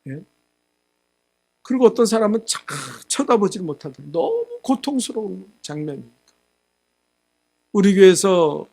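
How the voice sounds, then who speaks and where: A male pastor giving a sermon, telling a story and acting out the quotes, growing loud at the high points. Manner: storytelling with acted quotes, rising loud at climaxes. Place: church sanctuary.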